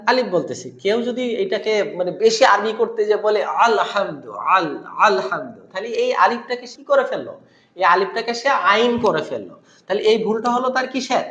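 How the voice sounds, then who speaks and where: A man's voice: high voice, bright, forceful tone, roomy sound. A man teaching Quran recitation, who explains Arabic letter sounds by demonstrating them and then asks and answers his own questions. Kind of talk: lesson on Arabic letter pronunciation.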